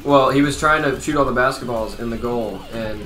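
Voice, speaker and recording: A man's voice: mid-range voice, brisk, fairly bright tone. A man chatting with friends over a video game, telling a laid-back workplace anecdote. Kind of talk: casual chat while gaming. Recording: echoey room.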